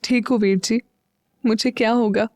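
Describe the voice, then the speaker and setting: A woman's voice: fairly high pitch, fairly even intonation, unhurried, a little mellow, no echo, studio quality, natural voice. A woman voicing a young woman full of guilt, choked with tears and breaking off mid-sentence. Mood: subdued. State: crying, choked up.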